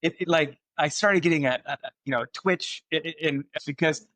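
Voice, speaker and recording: A man's voice: on the high side, moderate pace, fairly bright tone, no room sound, low-quality recording. A man hosting a casual podcast interview, teasing his guest and rambling with restarts. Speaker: podcast host, company CEO.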